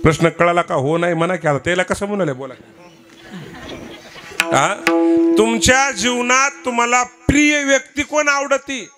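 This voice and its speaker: A man's voice: high-pitched, moderate pace, long pauses. A man with a Marathwada accent preaching a devotional kirtan sermon, questioning and teasing the listeners as he prods the women to answer aloud. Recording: live event with instrument music behind. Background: musical instruments.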